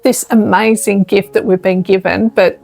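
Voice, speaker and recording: Gravelly-voiced Australian woman in her fifties. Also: mid-range voice, little pitch movement, normal speed, a little mellow, faint music behind. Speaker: guest, radio presenter. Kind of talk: reflective interview conversation.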